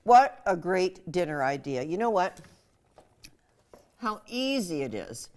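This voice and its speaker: A woman's voice: fairly low pitch, very animated, takes it slowly, a little mellow. A woman cooking expert, a guest on a TV cooking segment, who is chatty and enthusiastic and laughs easily. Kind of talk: studio cooking segment chat.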